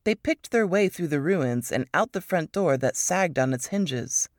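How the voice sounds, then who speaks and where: Expressive woman reading a story aloud. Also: unhurried, dry recording, clean studio sound. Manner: expressive storytelling, swooping pitch. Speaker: reader of a book excerpt. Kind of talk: scripted narration.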